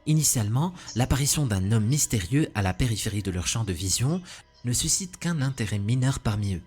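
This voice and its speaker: A man's voice: medium pitch, a little fast, soft background music. A man reading scripted, formal narration for a compilation of eerie videos. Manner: even, formal, ominous phrasing.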